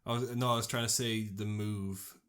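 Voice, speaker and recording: Irish man, podcast co-host, lower voice, dry one-liners, quick laugh. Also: fairly even intonation, fairly bright tone. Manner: dry quips, laughs often. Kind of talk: casual chat.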